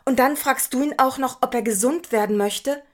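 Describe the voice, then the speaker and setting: A woman's voice: high-pitched, normal speed. Earnest woman in her fifties telling a devotional story. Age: 50s. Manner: earnest, reflective, conversational. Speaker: narrator.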